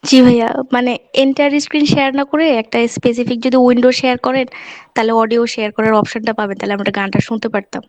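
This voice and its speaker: A woman's voice: fairly high pitch, fairly even intonation, fast talker, a little mellow, rough recording. A woman student speaking up politely in an online class to give a suggestion.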